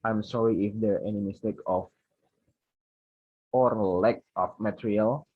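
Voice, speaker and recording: Husky low-voiced young Indonesian man. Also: fairly even intonation, no echo, narrow, tinny audio. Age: young adult. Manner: reads prepared points, halting with self-corrections. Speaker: university student presenter. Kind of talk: class presentation.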